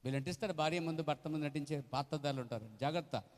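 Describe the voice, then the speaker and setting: A male pastor preaching with emphatic force, often turning to question his listeners directly. His voice sits fairly high, and the sermon rings out through a church hall with a long reverb tail. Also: racing. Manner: emphatic, questioning the congregation, acting out quoted voices. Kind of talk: Telugu sermon with acted quotes.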